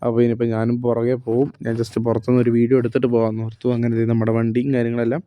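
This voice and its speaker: A man from Kerala casually vlogs a bus-business roleplay in the first person, his medium-pitched voice clear and resonant but rapid and monotone. The narration rambles, heavy with fillers like "okay" and "and things."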